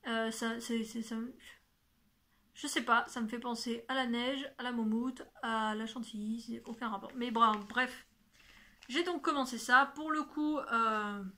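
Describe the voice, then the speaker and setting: A woman's voice: a little high, fairly even intonation, a little slow, pushed and bright. A woman hosting a knitting video podcast, chatting casually and often correcting herself while showing her work. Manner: shows knitting and yarn as she talks. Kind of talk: casual chat to camera.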